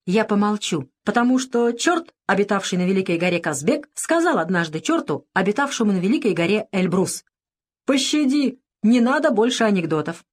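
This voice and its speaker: A woman's voice: medium pitch, animated, a little fast, natural voice. A woman voicing a cheerful, joking wounded male lieutenant in a storybook reading. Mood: jovial. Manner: jovial, joking.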